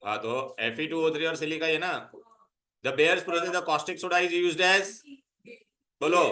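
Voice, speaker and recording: Bright-voiced teacher quizzing students. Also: male voice, a little high, steady tone, slow pace. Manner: quizzing students, mixing Hindi and English. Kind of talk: classroom revision lesson.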